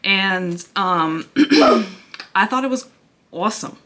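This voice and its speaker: A woman chatting casually through a book review to camera, sounding breathy and out of breath. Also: mid-range voice, lively intonation, slow pace, pushed and bright, slight background noise. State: out of breath from pregnancy.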